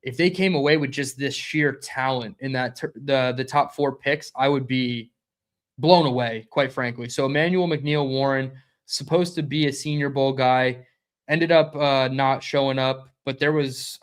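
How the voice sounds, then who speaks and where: A young man hosting a live-streamed sports reaction show, talking fast and conversationally and reading out chat comments. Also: mid-range voice. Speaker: podcast host.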